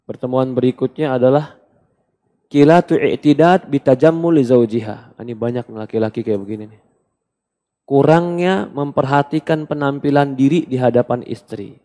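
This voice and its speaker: A gravelly, emphatic man preaches a sermon as an Islamic preacher answering questions in a Q&A lecture. His mid-range voice moves at a moderate pace, animated as it rises to emphatic bursts and then drops to soft quoted asides.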